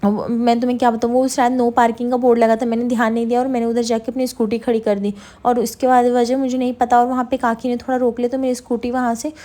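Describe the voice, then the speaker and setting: A woman's voice: fairly high pitch, little pitch movement, quick pace, hardly any pauses, dark tone, close to an everyday voice. A woman voicing an anxious young woman who blames herself. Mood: distraught. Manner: worried and apologetic.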